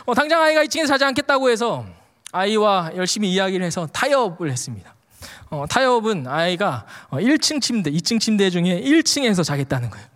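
Male preacher, high voice, animated storytelling, lots of uh fillers, long hall echo. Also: a little fast. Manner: animated storyteller, acts out quotes, frequent "uh" fillers. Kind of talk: storytelling sermon.

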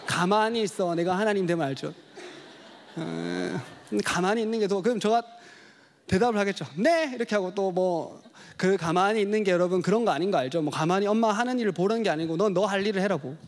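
Fast-talking, high-voiced male pastor. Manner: animated storytelling, acts out child voices. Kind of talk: sermon with personal story.

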